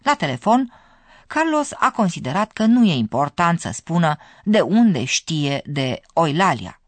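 A narrator explains a radio language course in a measured way, with a lively, varied intonation. The voice sits at a middle pitch in a dry studio recording. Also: no room sound.

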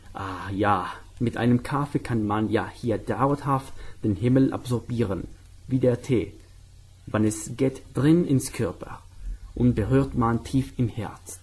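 A man's voice: mid-range voice, mellow, slightly rough. A young man from Guatemala with a Spanish accent, talking carefully about himself in learner German and making grammar slips as he goes. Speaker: medical student, German learner. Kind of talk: personal portrait monologue.

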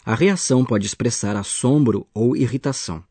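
A man's voice: medium pitch, normal speed, dark tone, husky, dry recording. A man acting as a teacher, patiently explaining grammar in a scripted radio lesson. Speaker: language teacher.

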